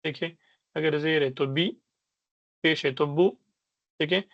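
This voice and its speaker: A man teaching a beginners' Arabic class, explaining patiently and sounding out letters and vowels slowly. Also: a little high, fairly even intonation, no room sound, lo-fi sound. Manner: patient explaining, repeats "ٹھیک ہے" to check understanding. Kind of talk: online language lesson.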